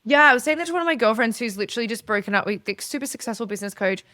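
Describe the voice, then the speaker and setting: A woman's voice: on the high side, lively intonation, very fast, bright, forceful tone, dry recording, studio quality. A woman hosting a podcast, chatting casually and gushing with enthusiasm, with some swearing. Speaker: podcast host. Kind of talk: casual interview chat.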